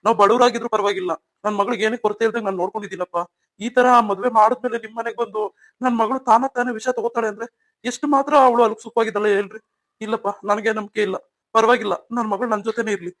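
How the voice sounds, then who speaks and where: Give me a man doing a protective old father in a cartoon, scolding bitterly at a quick pace. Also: high-pitched, fairly even intonation, fairly bright tone. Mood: indignant. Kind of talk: cartoon storytelling.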